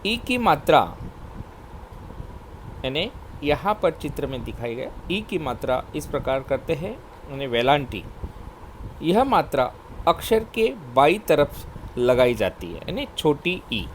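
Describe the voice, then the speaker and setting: A man teaching a primary school Hindi lesson to children, spelling out words slowly syllable by syllable and often pausing to say "okay, children". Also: a little high, very animated, slight background noise, rough recording. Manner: slow, spelled-out word drills.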